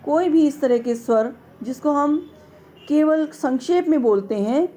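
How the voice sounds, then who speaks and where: A middle-aged woman giving a slow, explanatory lecture on a classical text, carefully drawing out vowels to demonstrate how they are pronounced. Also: high-pitched, mellow. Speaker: Sanskrit lecturer.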